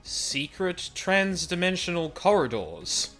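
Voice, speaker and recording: Lively, slow-talking man, laughs a lot. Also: high-pitched, soft background music. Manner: animated, laughs often. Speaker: co-player. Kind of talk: casual let's-play chat.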